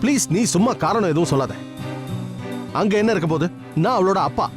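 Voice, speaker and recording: A man's voice: sits high, expressive, a little fast. An actor playing a hurt, insistent middle-aged father ignored by his daughter, in a TV serial with music behind. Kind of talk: TV serial acting.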